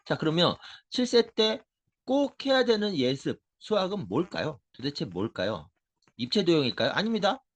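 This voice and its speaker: A man's voice: fairly high pitch, sing-song, normal speed. A middle-aged man, a math tutor, explaining a concept to parents in an emphatic lecture style, asking questions and answering them himself. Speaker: math tutor and education consultant.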